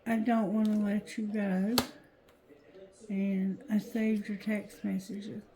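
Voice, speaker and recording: A woman reads cards in a drowsy, mellow voice at a markedly slow pace. Her speech sits thick on the tongue and slightly slurred, and she moves haltingly, often repeating a phrase as she works through the reading. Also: medium pitch, flat delivery. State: tired, drowsy. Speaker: tarot reader. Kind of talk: intuitive card reading, casual monologue.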